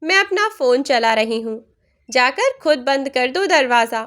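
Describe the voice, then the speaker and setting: A woman voicing a rude, scornful young daughter-in-law who shouts insults. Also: sits high, expressive, a little slow.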